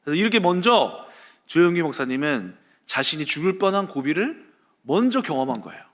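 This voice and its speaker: A pastor giving a church history lecture at a service, with animated storytelling. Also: male voice, fairly high pitch, brisk.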